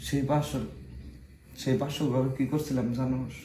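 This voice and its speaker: A man playing an elderly village grandfather who tells old stories and scolds loudly. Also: mid-range voice, level tone, normal speed, background noise, close to an everyday voice. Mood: reminiscing. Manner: folksy storytelling, then loud scolding. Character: elderly village grandfather, later a blustering husband. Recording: roomy indoor recording.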